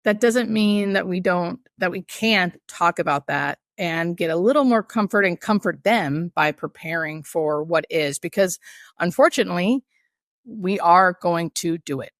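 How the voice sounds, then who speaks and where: A woman with a slightly low-pitched voice, recorded close and dry. She explains things as a hospice nurse being interviewed, earnest and emphatic, often repeating a key phrase for stress. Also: unhurried, dry recording.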